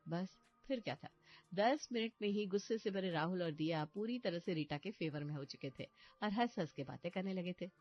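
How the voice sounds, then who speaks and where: Woman telling a family story, slightly muffled sound, soft music underneath. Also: on the low side, expressive, moderate pace. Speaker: narrator voicing several characters. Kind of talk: storybook narration with acted dialogue.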